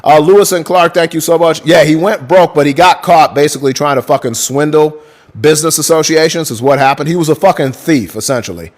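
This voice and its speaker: A livestream host with a fairly high male voice talks a little fast, reading book passages aloud. He curses freely and casually, breaking off mid-reading to thank viewers in chat.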